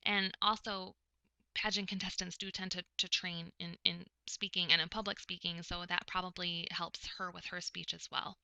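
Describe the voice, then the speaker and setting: A woman giving a recorded lecture, explaining topics step by step in a measured way with frequent pauses. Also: on the low side, flat delivery, vocal fry, bright, forceful tone, no room sound, low-quality recording. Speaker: presenter explaining speech of the hard of hearing.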